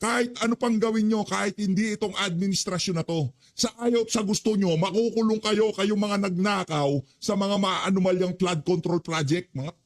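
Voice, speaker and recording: A man's voice: high voice, normal speed. A man ranting angrily as a news commentator, scolding and cursing. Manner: angry, scolding, curses.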